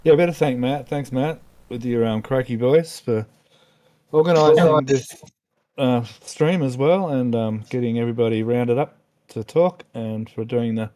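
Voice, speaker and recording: A man's voice: medium pitch, moderate pace, warm tone. A tired man hosting a casual live stream from a small plane, stumbling over his words and apologizing. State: tired late at night. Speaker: photographer narrating a live flyover stream.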